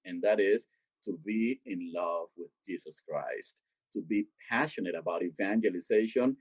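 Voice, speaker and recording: A man whose voice sits on the low side with a breathy edge is interviewed as a theologian; he lives in Boston. He talks about his work in a conversational manner, turning animated and emphatic to make his points, on poor audio with no room sound.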